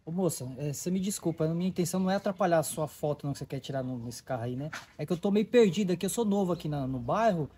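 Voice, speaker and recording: Husky dark voice, quick talker, Brazilian man, a man as a patient moralizing worker. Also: fairly high pitch, lively intonation. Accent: Brazilian Portuguese. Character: humble tattooed man, calm and lecturing. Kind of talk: amateur comedy skit acting.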